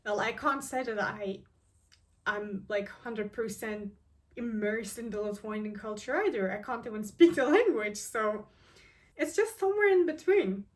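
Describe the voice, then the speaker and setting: A 23-year-old Turkish woman vlogs to camera in a casual, reflective way, thinking aloud earnestly with plenty of "like" and restarts. Her voice is fairly high and a little slow, and the mic sits at a distance.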